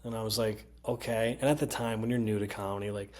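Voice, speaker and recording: Connecticut comedy guy, kinda low voice, swears a lot, acts out everyone in his stories. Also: fast talker. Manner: animated, profane, mimics voices in anecdotes. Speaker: comedian guest. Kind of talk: casual storytelling.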